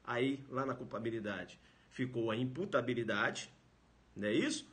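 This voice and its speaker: A man's voice: medium pitch, moderate pace, fairly bright tone. A man with a Brazilian Portuguese accent giving a live-streamed law lecture, emphatic, repeating phrases and adding tag questions. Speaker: law teacher.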